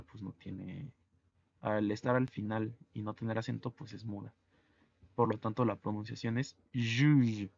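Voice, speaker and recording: A man teaching French to Spanish speakers, explaining pronunciation slowly and methodically, letter by letter. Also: lowish voice, gravelly, muffled recording. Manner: slow, methodical, spells out sounds letter by letter. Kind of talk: online language lesson.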